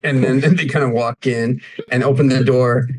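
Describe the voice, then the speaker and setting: Husky-voiced man running a tabletop game. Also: medium pitch, fairly even intonation. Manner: casual, halting, laughs often. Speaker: game master.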